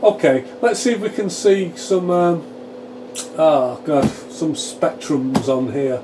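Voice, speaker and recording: Taking it slowly, a fairly high-voiced man narrates his repair work live for a radio repair channel, explaining every step and thinking out loud. His small home electronics workshop carries a steady drone from test-equipment cooling fans.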